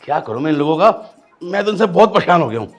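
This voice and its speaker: A man's voice: on the high side, sing-song, very fast, a bit bright. A man playing an exasperated father who scolds his son in a comedy sketch. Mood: scolding. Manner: scolding, fed-up.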